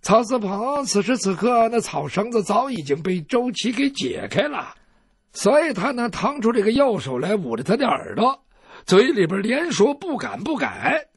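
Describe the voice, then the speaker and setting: Male storyteller, traditional tale-telling, dramatic delivery, high-set and husky, dry sound. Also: normal speed, no room sound. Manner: animated, dramatic.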